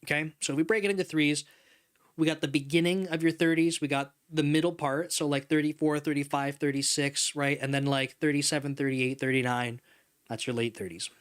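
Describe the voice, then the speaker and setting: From a home studio with neon lights and a couch, a thirtysomething man hosts a chatty livestream, laughing often and reading out chat messages at length. Into a front-placed desk microphone, his clean, steady voice sits on the high side and moves a little fast.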